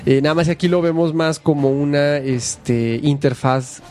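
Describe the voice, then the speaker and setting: Slangy Mexican man, animated podcast chat. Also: a little high, normal speed. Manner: animated, slangy, acts out quotes in shifting voices. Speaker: podcast host. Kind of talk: casual chat.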